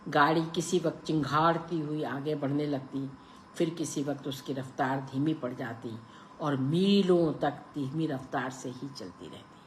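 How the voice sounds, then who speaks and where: Woman storyteller, low voice, slow, hushed, faint noise behind. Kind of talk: storytelling narration.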